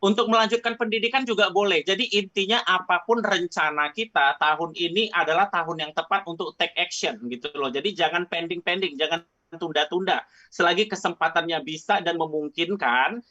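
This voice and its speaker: A man's voice: high-pitched, brisk, pushed and bright, no room sound. A man heard over an online call line, a guest expert explaining things in a chatty, casual way. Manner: chatty, often ends phrases with a casual tag. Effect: heard over an online call line that drops out. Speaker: guest expert answering questions. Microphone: remote call mic. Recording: dull, dry call audio.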